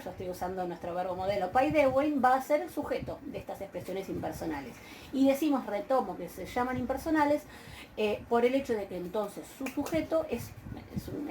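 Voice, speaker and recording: Argentine woman lecturer, mid-pitched, patient and hesitant, faint hiss behind. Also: a little mellow, rough recording. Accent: Argentine Spanish. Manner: patient, explanatory, frequent hesitations and checking questions. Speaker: university Greek teacher. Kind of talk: recorded online lecture.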